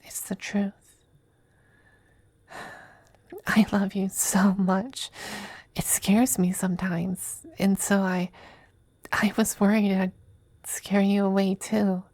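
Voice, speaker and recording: In an ASMR roleplay, a woman voices a tender demon femboy with a close, dry, mellow, mid-range tone that stays steady and echo-free. He speaks slowly and softly, slipping into breathy whispers, gently coaxing yet hesitant, vulnerable and lovingly possessive.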